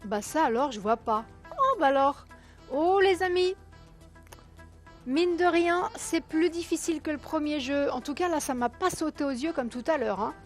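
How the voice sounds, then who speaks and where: Hoarse lady hosting a call-in tv quiz, pretty high voice, chatty and coaxing, counts down and fixes her own words, faint music behind. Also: expressive, normal speed. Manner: chatty, coaxing viewers, counting down, correcting herself aloud. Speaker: game show host.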